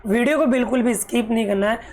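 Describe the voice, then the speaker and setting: Woman, school English teacher, somewhat high voice, fond pet names for pupils, slow dictation. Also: darkish tone. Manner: slow, spelled-out dictation of meanings. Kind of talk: explaining a children's English poem.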